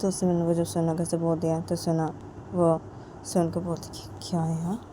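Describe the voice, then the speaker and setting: Woman narrating a story in a mellow, low voice. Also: completely flat delivery, moderate pace, slight background noise. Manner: repetitive, plain narration.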